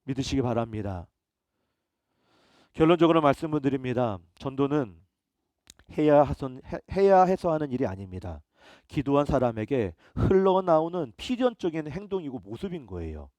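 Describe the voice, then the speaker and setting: A man's voice: mid-range voice, big pitch swings, normal speed, darkish tone, no echo. A middle-aged male pastor preaching a sermon, emphatic, often asking his listeners rhetorical questions.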